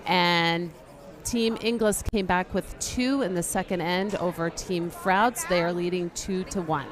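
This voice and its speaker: A woman's voice: lowish voice, a little slow, a crowd in the background. A woman giving conversational live commentary on a curling game. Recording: clear rink noise behind commentary. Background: curling rink noise and players calling.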